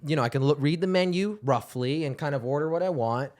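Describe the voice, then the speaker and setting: A man's voice: fairly high pitch, fast talker. A man, co-hosting a podcast in playful, casual chat. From Netherlands. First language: Dutch. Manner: playful, animated, often laughing. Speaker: podcast co-host.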